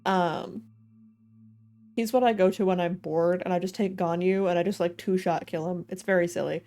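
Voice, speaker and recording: A woman's voice: on the low side, steady tone, normal speed, mellow. A young woman streaming a game, chatting casually and giggling as she talks to her chat. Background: faint game music.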